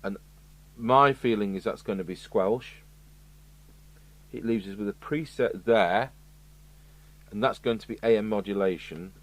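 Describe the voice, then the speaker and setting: The voice is on the low side, a little slow and full of pauses, and the audio is poor. It's a British radio repair technician presenting a review, casually and matter-of-factly musing to himself while working in an indoor electronics workshop, where clear background noise and an electrical hum are audible.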